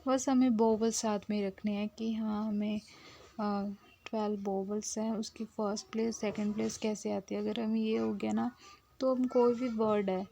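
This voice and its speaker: Slow, mellow-voiced woman teaching shorthand. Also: a little high, creaky, a little hiss or hum. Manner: patient, repeats "theek hai" often, drops to a near whisper while writing. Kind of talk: step-by-step lesson, mixing Hindi and English.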